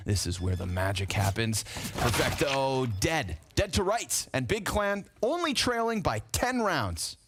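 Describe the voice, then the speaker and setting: Lively, jokey esports play-by-play man. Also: medium pitch, measured pace. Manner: lively, jokey, swings into dramatic trailer-style voice. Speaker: play-by-play caster.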